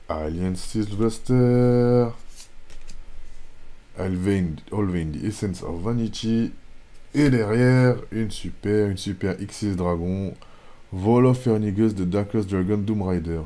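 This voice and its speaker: A lower-pitched French man hosts a casual pack-opening video. He rattles off card names in a plain, steady list, then breaks into quick, excited exclamations over the rare finds. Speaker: YouTuber opening card packs.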